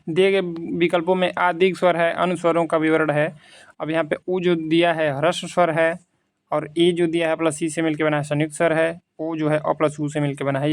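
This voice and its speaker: A man teaching Hindi grammar through quiz questions. He reads out the options slowly, then explains them in casual, conversational Hindi. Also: on the high side, no room sound. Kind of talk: quiz lesson, reading questions and explaining answers.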